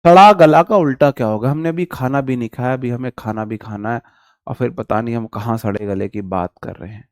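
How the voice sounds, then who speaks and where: A man's voice: mid-range voice, a little fast, no room sound, clean studio sound. A man teaching vocabulary in a live online lesson, chatty and joking, calling his viewers brother.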